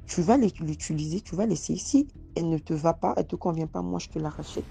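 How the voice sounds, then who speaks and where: Woman storyteller, low and gravelly, halting first-person tale with faint music underneath. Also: mellow. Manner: hesitant, repeats words and restarts often. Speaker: storyteller recounting a personal mystical experience.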